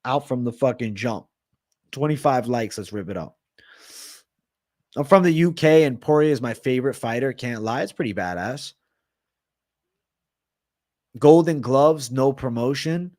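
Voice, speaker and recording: A man's voice: mid-range voice, lively intonation, a little slow, long pauses, darkish tone, no room sound, clean studio sound. A man hosting a casual livestream Q&A, reading viewer comments and talking bluntly with some swearing. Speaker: livestream host.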